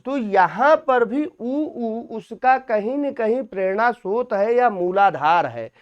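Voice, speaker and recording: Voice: mid-range voice, expressive, slow pace, smooth. A Hindi grammar teacher giving an exam-prep lecture, asking questions aloud, answering them, and repeating each point. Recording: dull lo-fi recording.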